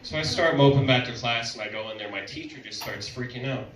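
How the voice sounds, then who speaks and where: A young man performing a stand-up comedy set, telling stories in a loud, playful way with sudden tic outbursts. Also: medium pitch, quick pace. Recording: echoey club, mic heard from a distance, noisy crowd.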